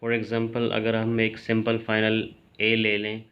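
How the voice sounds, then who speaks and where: Slow, calm male language teacher. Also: lowish voice, dull audio. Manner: calm, measured, spells out sounds clearly. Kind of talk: slow explanatory lesson.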